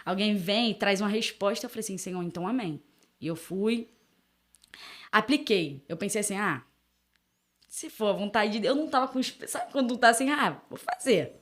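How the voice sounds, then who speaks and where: Quick, animated young woman telling a story. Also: mid-range voice. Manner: animated storytelling, acts out quoted dialogue. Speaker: missionary guest. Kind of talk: testimony in a podcast interview.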